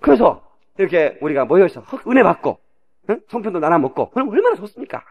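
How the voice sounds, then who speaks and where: Animated Korean pastor, high lively voice. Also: male voice, quick pace, gravelly, breathy edge, dull audio. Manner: animated preaching, sudden shouts and drops to a hush. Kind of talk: sermon. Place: church sanctuary. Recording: old cassette tape transfer.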